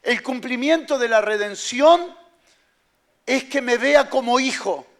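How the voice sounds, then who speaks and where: A man's voice: very high-pitched, slow, fairly bright tone. A man preaching a sermon as pastor, emphatic and repeating his key phrases.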